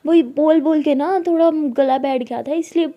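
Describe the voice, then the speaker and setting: A woman's voice: high voice, moderate pace, voice pushed up, lightly acted. A woman voicing a nervous young woman who stammers and bluffs, with a slightly muffled sound. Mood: blustering.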